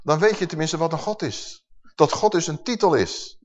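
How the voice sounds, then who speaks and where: Emphatic preacher in a reverberant hall. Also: male voice, on the high side, normal speed. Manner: emphatic, rhetorical questions to the audience. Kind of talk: sermon. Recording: dull sound with long hall reverb.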